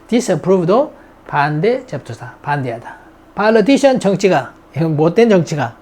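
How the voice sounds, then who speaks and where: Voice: medium pitch, a little mellow. An English grammar teacher, drilling vocabulary in a recorded lesson and chatting to the students between words.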